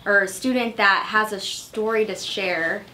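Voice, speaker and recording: A young woman, a school counselor, speaking gently into a handheld mic in an office. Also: mid-range voice, fairly even intonation, normal speed, a little hiss or hum. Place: office, indoors. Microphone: handheld mic held by interviewer.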